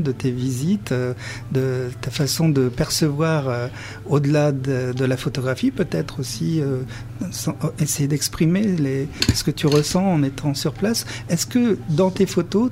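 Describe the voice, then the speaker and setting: A man's voice: mid-range voice, warm tone, a little hiss or hum. A man interviewing a student guest, speaking with frequent hesitations and fillers. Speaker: radio interviewer.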